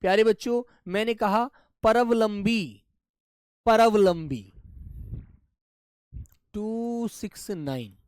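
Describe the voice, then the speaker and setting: A male teacher running a live online class, who repeats each word slowly, calls the children dear, and drops to a soft low voice when he repeats answers. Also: no room sound, studio quality.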